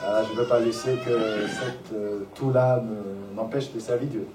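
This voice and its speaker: A man interpreting a sermon into French phrase by phrase, pausing and restarting as he finds the words. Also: on the low side, fairly even intonation, background noise. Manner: hesitant, with restarts and fillers while translating. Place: church conference hall. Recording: echoey hall, voice from far off the mic.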